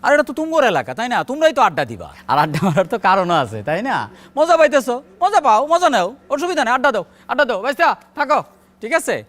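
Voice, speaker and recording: Comedy sketch, a man as a high-voiced neighborhood boss, fast and hugely up-and-down in tone. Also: wildly swooping pitch, a bit bright, full character voice. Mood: coaxing. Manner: wheedling, placating, swings between coaxing and snapping. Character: smooth-talking male neighborhood boss, middle-aged.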